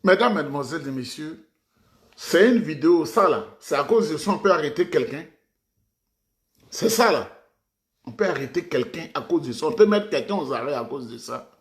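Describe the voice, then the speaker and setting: A man's voice: fairly high pitch, lively intonation, normal speed. A man from Ivory Coast, giving impassioned political commentary and addressing his audience formally, repeating phrases for emphasis.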